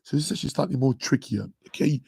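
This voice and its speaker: Speaking quickly, this maths tutor has a deep, creaky, mellow voice with a slight roughness, recorded with no room sound. His live revision lesson is chatty and filled with "okay" and "guys."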